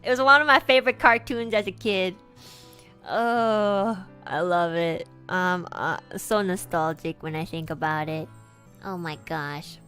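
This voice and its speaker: A woman's voice: lowish voice, a little slow, sharp tone, faint music behind. A woman streamer chatting casually, rambling with lots of fillers, giggling and swearing offhandedly.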